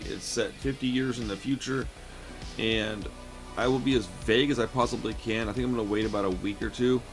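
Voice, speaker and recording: A man in his late thirties giving a casual, chatty horror movie review from his home, often calling the listener "man". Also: lowish voice. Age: 30s. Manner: relaxed and chatty, says "man" a lot. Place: home room lined with shelves of records and films.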